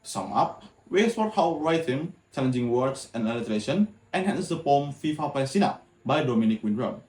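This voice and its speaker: Young guy from indonesia recapping the lesson, bit informal, roomy echo, soft music behind. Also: medium pitch, very animated, brisk. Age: young adult. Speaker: student presenter.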